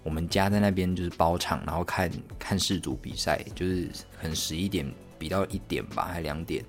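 A man's voice: fairly quick, faint music behind. A young man, casually telling family holiday stories on his podcast, rambling and correcting himself. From Taiwan. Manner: rambling, self-correcting, acts out family voices in high squeals. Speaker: podcast host. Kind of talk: casual solo podcast storytelling.

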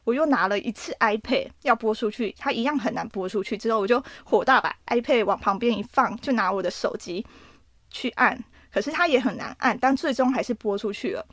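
Lively Taiwanese woman telling a story. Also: on the high side, brisk, no room sound. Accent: Taiwanese Mandarin. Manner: animated, laughs often while telling a story. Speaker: podcast co-host. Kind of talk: casual storytelling chat.

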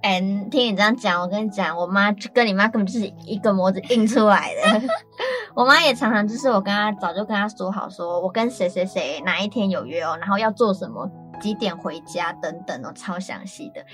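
A woman's voice: mid-range voice, brisk, few pauses, fairly bright tone, soft background music. A young woman from Taiwan co-hosting a casual radio chat, leading topics and asking her partner questions. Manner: asks questions, leads topics. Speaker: co-host.

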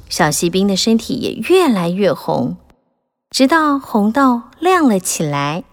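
A storyteller with a medium-pitched voice narrates a children's fairy tale, her animated, expressive delivery rising and falling with the drama.

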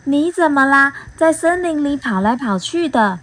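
Kind little bee in a kids story, high and gentle, lady doing the voice. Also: animated, moderate pace. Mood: curious. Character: small kind helpful bee. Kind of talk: storybook read-aloud.

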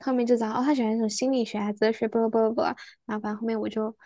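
Animated young woman telling a story. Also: a little high, no echo. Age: young adult. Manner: animated storytelling, quick laughs, acts out quoted lines. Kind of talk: casual podcast chat.

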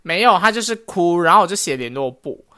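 A woman's voice: on the low side, a little fast. A woman co-hosting a casual podcast chat and telling a story with lots of restarts. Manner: animated storytelling with frequent restarts. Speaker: podcast co-host.

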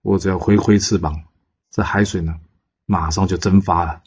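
A man's voice: sits low, fairly even intonation, moderate pace, darkish tone, husky, highs cut off. A man voicing a boastful, greedy, hot-tempered male bird immortal in a told folk tale. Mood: mocking.

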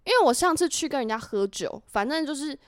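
A woman's voice: high-pitched, expressive, fast, no room sound, studio quality. A young woman with a Taiwanese Mandarin accent, co-hosting a casual podcast chat, telling a story and acting out the quoted lines with frequent laughs. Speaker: podcast co-host.

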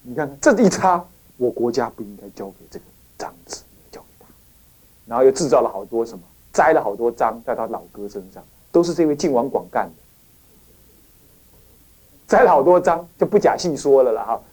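A woman gives a Buddhist dharma lecture as a storyteller. Her voice swoops up and down through a wide, lively pitch range. She slips into dramatic character voices as she retells the tale. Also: a little fast, pauses often, husky. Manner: animated storytelling, acting out each character with dramatic voices and sighs. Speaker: Buddhist teacher and temple abbot.

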